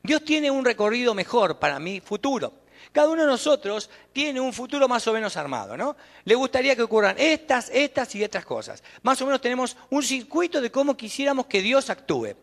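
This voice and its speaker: A man's voice: extremely high pitch, very animated, a little fast, creaky, a bit bright. A man with an Argentine accent preaching a sermon as pastor, emphatic and putting questions straight to the congregation. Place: church sanctuary. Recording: long church reverb.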